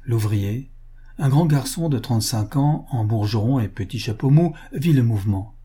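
A man narrating a classic novel as an audiobook in a measured, even reading voice. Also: medium pitch, breathy edge. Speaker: audiobook reader.

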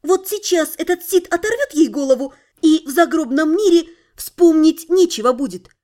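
A woman reading an audiobook, telling the story with lively irony. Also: high voice, normal speed. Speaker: audiobook narrator. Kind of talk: scripted narration.

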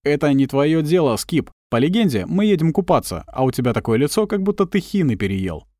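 A man's voice: a little high, sing-song, fairly quick, darkish tone, no echo, voice pushed up. A man voicing a confident, wry adult male agent who teases his partner in a dry way. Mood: confident teasing. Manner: dry teasing, self-assured.

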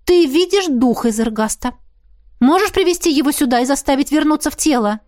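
A stubborn young necromancer woman , as a woman reading a fantasy audiobook voices her, frightened but pushing on. She speaks a bit higher than the reader's usual voice, sharp and snapping. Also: expressive, fairly quick. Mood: impatient.

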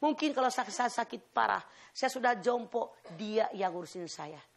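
A woman's voice: fairly high pitch, lively intonation, normal speed, creaky, pitched above the performer's own voice. A woman voicing a young male student who earnestly explains his choice in a sermon story. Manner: earnest, pleading.

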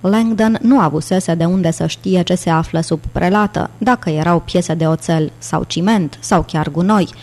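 A woman reading a thriller audiobook aloud in a steady, dramatic narration. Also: fairly low pitch, few pauses. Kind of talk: scripted narration.

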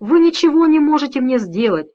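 A woman's voice: medium pitch, slow pace, highs cut off. A woman voicing a boy who is secretly a sinister carnival owner, panicked and desperate.

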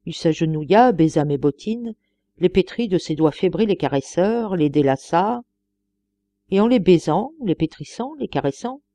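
A woman narrating a classic novel as an audiobook, telling it in an expressive first-person way. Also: fairly low pitch, normal speed, dry recording. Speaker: audiobook reader.

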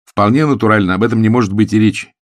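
A man's voice: lowish voice, racing, dry recording, clean studio sound, lightly acted. Man doing a glib, self-assured young suitor. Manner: glib, cheerful, eloquent.

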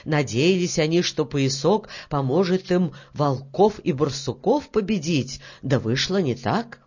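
A woman narrating a fairy tale for an audiobook in an expressive, storytelling manner. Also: deep voice, unhurried, slightly rough. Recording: dull lo-fi audiobook recording.

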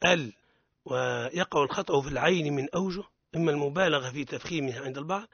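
A man's voice: on the high side, a bit bright, slightly rough, no echo, highs cut off. A man with a Tunisian accent teaching Quran recitation on radio, correcting pronunciation and modelling words for students to repeat. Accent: Tunisian Arabic.

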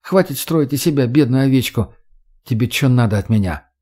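A man voicing a blunt, sulky young swordsman in an audiobook, answering curtly and gruffly. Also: mid-range voice, animated, a little fast, a little mellow, lightly acted. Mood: sullen.

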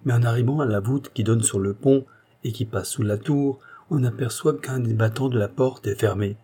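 A man narrating a historical novel as an audiobook, with steady, dramatic storytelling. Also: mid-range voice, moderate pace, slightly rough. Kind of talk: scripted narration.

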